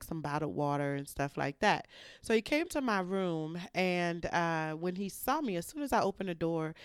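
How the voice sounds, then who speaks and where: A podcast host tells a story in a chatty, animated way and jumps into quoted voices as she goes. Her voice sounds smooth and clear. The sound is dry and close, with no room echo. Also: medium pitch. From United States. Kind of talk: casual storytelling monologue. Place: hotel room.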